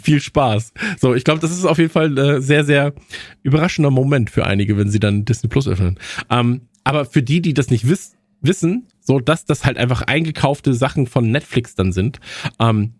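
A man in casual podcast talk, rambling through his thoughts with plenty of restarts. His voice sits mid-pitched and the sound is dry and close. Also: normal speed, no room sound. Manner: rambling, many fillers and restarts. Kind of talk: casual chat.

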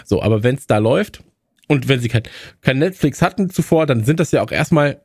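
A man in casual podcast talk, rambling through his thoughts with plenty of restarts. His voice sits mid-pitched and the sound is dry and close. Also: animated, fairly quick, darkish tone, slightly rough, dry recording. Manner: rambling, many fillers and restarts. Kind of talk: casual chat.

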